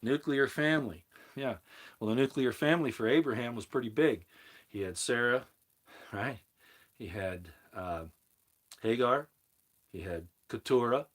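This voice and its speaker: A man's voice: medium pitch, a little slow, pauses often. A man hosting a livestream, reading viewers' comments aloud and answering them in a rambling way, often restarting his sentences. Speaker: livestream host answering chat. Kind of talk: casual livestream talk on scripture.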